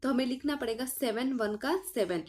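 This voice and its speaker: A woman's voice: fairly high pitch, normal speed, a little mellow. A woman math teacher walks through each step, asking the class questions and answering them herself. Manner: addresses students as children.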